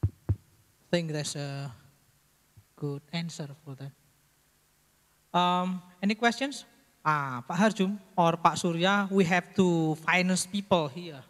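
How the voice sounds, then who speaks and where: A man's voice: on the high side, takes it slowly, long pauses, fairly bright tone. Male moderator in a reverberant hall. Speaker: session moderator.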